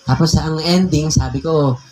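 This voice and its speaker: A man with a Filipino accent, a pastor telling a personal story in a conversational, animated sermon, often laughing. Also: a little high, measured pace, soft background music. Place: church hall.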